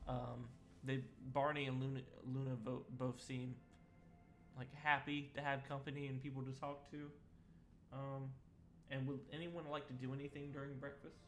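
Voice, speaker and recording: A man's voice: medium pitch, flat delivery, normal speed, a little hiss or hum. Rambling, chuckling man game master. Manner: rambling, chuckling, many fillers. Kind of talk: narrating a tabletop game.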